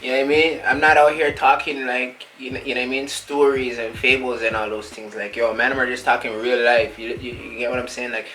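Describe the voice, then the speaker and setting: A man's voice: medium pitch, little pitch movement, a little fast, few pauses, sharp tone, slight background noise, close to an everyday voice, poor audio. A man playing a rambling street rapper. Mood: boastful. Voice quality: slang-heavy rambling with endless filler tags. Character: cocky young male street rapper, rambling, aloof. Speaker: musician being interviewed. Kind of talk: comedy sketch.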